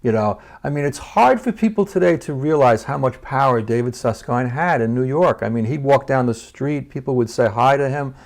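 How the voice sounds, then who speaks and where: Gravelly guy hosting an interview, easygoing. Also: mid-range voice, normal speed, few pauses. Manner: relaxed, agreeable, frequent backchannel replies. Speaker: interview host. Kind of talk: conversational interview.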